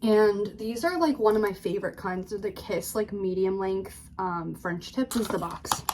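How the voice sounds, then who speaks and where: A woman's voice: medium pitch, normal speed, background noise. A young woman chatting casually through a home vlog, talking to the camera and filling her sentences with "like". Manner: chatty, says "like" a lot. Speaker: influencer vlogger. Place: home, bedroom and bathroom.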